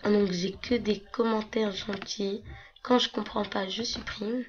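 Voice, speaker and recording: Young woman, hoarse voice, casual rambling vlogger, muffled home computer mic with faint noise. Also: mid-range voice, fairly even intonation, a little slow. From France. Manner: chatty, rambling with many fillers. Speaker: gaming vlogger. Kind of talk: casual screen-recording walkthrough.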